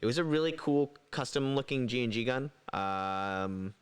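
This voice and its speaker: A man's voice: medium pitch, animated, moderate pace, smooth. A man co-hosting a casual podcast chat, rambling and hesitant with lots of fillers. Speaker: podcast co-host.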